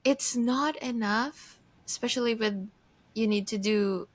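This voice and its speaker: On a dry recording, a woman with a higher voice co-hosts a casual podcast with a longtime friend. Filipino-born and living in Japan, she is in her early thirties, laughs a lot, and speaks in quick bursts full of restarts.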